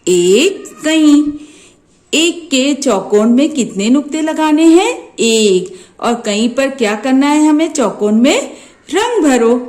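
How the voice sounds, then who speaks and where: A woman teacher with an Urdu-medium Maharashtra accent, slowly walking young children through a first-grade maths exercise, asking questions and answering them herself. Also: sits high, darkish tone. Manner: slow, sing-song questions answered by herself. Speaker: primary school teacher.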